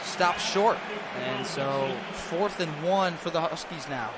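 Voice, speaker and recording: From his stadium broadcast spot, an American radio announcer delivers slow play-by-play of a football game in a slightly high voice. Clipped phrases track the action as it unfolds, with the crowd roaring loudly behind him.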